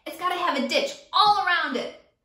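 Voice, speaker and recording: A small bully of a boy shouts and brags at full volume, as a woman reading aloud puts him on. The voice rides high and bright, and the room rings with echo around it. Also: lively intonation, fairly quick, exaggerated voice. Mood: demanding. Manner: yelling, boastful threats. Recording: echoey room.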